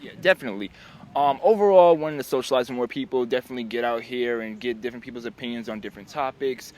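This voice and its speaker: Fast-talking young interviewer man. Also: medium pitch, darkish tone. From South Carolina. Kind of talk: casual street interview.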